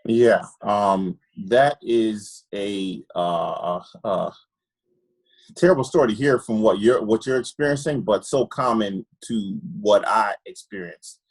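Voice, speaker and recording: A man's voice: fairly low pitch, slow pace, poor audio. A man from Trinidad, an optometrist, telling candid personal stories in an earnest way and often repeating words as he searches for them. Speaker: optometrist guest.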